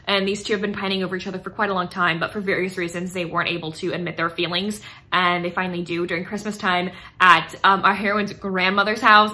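In a small room lined with bookshelves, a woman in her twenties vlogs about books straight to camera, gushing and emphatic in a casual, informal way. Her voice sits at a medium pitch with a sharp tone.

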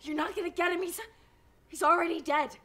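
A woman's voice: very high voice, fairly even intonation, fairly quick, sharp tone. An actress playing a terrified captive young woman who stammers and pleads urgently. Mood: frantic.

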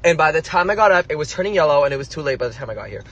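A man's voice: a little high, expressive, very fast, fairly bright tone, highs cut off. Chatty young man vlogging on his phone. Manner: chatty, filler-heavy, swears when annoyed. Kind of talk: casual vlog chat. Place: home and in a car. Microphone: handheld phone. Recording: noisy phone recording.

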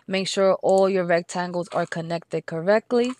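A woman with a Spanish accent talks through a software craft tutorial step by step, slowing down to repeat each number. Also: lowish voice, no echo. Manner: patient, repeats steps and numbers slowly.

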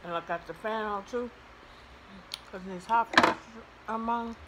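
Slow-talking middle-aged woman, chewing while talking. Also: mid-range voice. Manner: slow, relaxed, chatty with fillers. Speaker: food vlogger. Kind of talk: casual eating vlog. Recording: noisy home recording, fan running.

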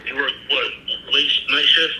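A man's voice: medium pitch, steady tone, moderate pace. A man answering a store phone, heard through a speakerphone, talking in a casual, blunt, firm way and repeating himself. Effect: telephone. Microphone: heard through a phone's loudspeaker. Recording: echoey, noisy speakerphone call.

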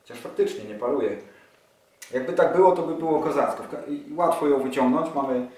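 A motorcycle vlogger in his forties unboxes gear at a table in a small indoor room, chatting casually and enthusiastically and thinking aloud as he handles it. His voice is fairly high, a bit fast and darkish in tone. The distant camera mic makes the room echoey, and handling noise is audible.

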